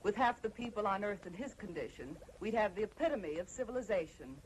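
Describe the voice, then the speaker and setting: An actress playing a cold, confident mad scientist in an old horror film, speaking in a clinical, imperious, deliberate way. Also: female voice, medium pitch, expressive, slight background noise, close to an everyday voice, low-quality recording. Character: cold, confident female mad scientist breeding obedient slaves.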